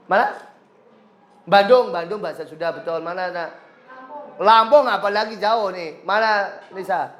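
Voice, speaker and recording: A man's voice: high voice, unhurried, pauses often, a bit bright. A man teaching a religious education class, joking with pupils, asking them questions and acting out short stories. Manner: jokey, asks pupils questions, acts out voices in anecdotes. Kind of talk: classroom lesson with storytelling.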